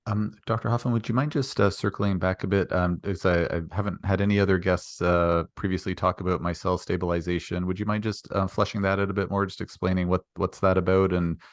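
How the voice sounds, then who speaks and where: Young guy host, low voice, talks quick, lots of ums, super polite. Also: fairly even intonation, dry recording, studio quality. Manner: polite, hesitant, many fillers, apologetic. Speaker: interview host, naturopathic doctor. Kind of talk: interview.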